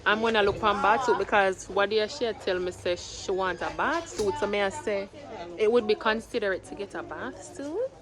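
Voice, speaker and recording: With a mid-range voice, lively intonation and a moderate pace, a young woman from Trinidad vlogs chattily into her phone camera. A single mother, she uses a learned Jamaican patois mixed with standard English as she goes from home to her car and out shopping, crowd noise around her.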